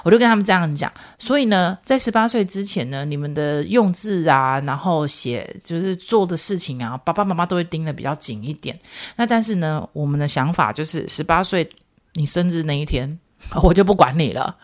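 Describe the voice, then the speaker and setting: Chatty Taiwanese mom, lowish voice. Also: female voice, fairly quick. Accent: Taiwanese Mandarin. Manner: animated, acts out conversations with her child; chatty, frequent filler particles. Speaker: parenting podcast host. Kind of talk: casual storytelling monologue.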